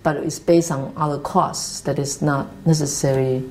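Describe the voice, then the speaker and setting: A Taiwanese woman in her fifties, with a Taiwanese accent, speaking earnest, halting English with restarts as she tells her life story, seated in an office meeting room. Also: deep voice, steady tone, darkish tone, low-quality recording. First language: Mandarin Chinese. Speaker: interviewee. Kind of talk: reflective life-story interview.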